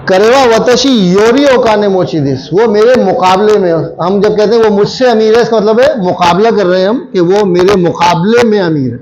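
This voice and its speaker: A man's voice: high-pitched, moderate pace, hardly any pauses, a little mellow, slight background noise, rough recording. A man teaching a Japanese grammar lesson to a classroom of students, repeating phrases and quizzing them with frequent questions.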